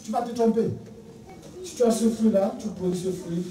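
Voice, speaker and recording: A preacher giving a sermon, addressing listeners as beloved and laying out points one by one, often dropping soft and quiet on key words. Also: mid-range voice, normal speed. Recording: echoey room, voice heard from a distance.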